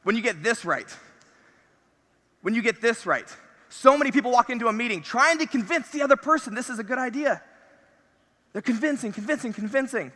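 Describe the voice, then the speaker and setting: A man giving an energetic motivational talk on a convention stage, with punchy lines that repeat key phrases. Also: extremely high pitch, a little fast, long pauses. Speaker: convention speaker. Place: large convention hall. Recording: reverberant convention hall.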